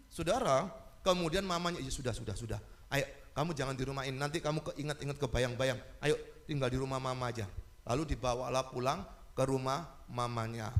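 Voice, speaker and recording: Male pastor, fairly high, bright and forceful; animated sermon delivery full of rhetorical questions. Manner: lively preaching with rhetorical questions to the congregation.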